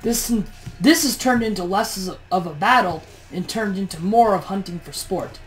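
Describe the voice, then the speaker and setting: A woman's voice: mid-range voice, moderate pace, soft background music, low-quality recording. A tired woman with a morning voice, chatting through gameplay commentary on a push-to-talk mic and grumbling in exasperation at how things are going. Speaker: let's play host.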